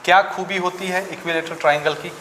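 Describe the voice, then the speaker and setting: A man teaches physics to a class in a slightly high voice, working numbers out aloud and asking students for answers. The room is echoey, with faint noise behind him. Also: fairly even intonation, fast, bright, forceful tone. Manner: asks students questions, works sums aloud. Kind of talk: classroom lecture.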